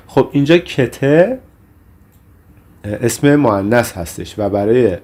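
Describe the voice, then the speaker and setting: A man who speaks Persian as his first language explains a German lesson in a fairly low voice. He moves through his explanations at an easy pace. When he says the German example phrases, he slows right down and says them carefully. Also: a little mellow. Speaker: German teacher.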